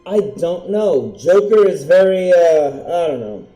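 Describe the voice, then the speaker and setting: A man's voice: high voice, expressive, a little slow, warm tone, roomy sound, soft background music, low-quality recording. A man streaming a game live, thinking aloud in a musing, hesitant way. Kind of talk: live gameplay commentary.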